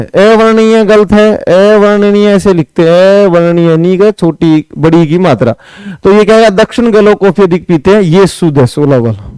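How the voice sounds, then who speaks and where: Blunt male exam-prep tutor, high voice, crisp and dry, chides students. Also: a little mellow, no room sound, low-quality recording. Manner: blunt, chiding, calls students brother. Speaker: teacher. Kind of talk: exam-prep spelling lesson.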